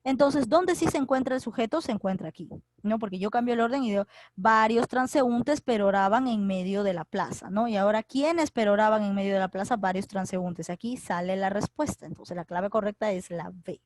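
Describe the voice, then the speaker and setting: A woman's voice: medium pitch, brisk, no room sound. A middle-aged woman, teaching an online grammar class and explaining step by step with frequent tag questions. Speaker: secondary school teacher. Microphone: computer mic in a video class.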